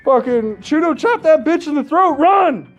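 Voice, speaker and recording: Speaking at a moderate pace in a very high, expressive voice, a man performs a horror game dramatically for a let's play. He breaks off into crude, profane, mocking asides, with the game's music audible underneath.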